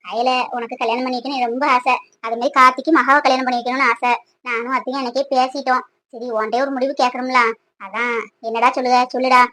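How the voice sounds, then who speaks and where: A woman's voice: sits high, bright, forceful tone. A woman voicing a worried middle-aged village mother who keeps nagging her son to marry, in a cartoon. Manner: pleading, emotional, nagging. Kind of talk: cartoon voice acting.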